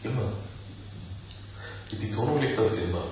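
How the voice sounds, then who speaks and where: A man, a spiritual teacher giving a calm, reflective satsang talk with slow pauses. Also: on the low side, noisy background. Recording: echoey room from far off, dull.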